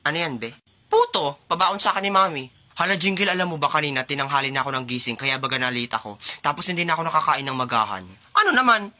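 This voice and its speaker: A man's voice: medium pitch, rapid-fire, sharp tone. A Filipino man acting out playful comedy skits, teasing and switching between many characters. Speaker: comedy sketch creator. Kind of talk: one-man comedy skits playing all roles.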